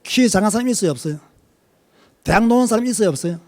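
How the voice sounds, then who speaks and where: Lively Korean preacher. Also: male voice, high voice, fast talker. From Korea, Busan. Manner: lively preaching, questions to the congregation. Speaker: pastor. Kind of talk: sermon.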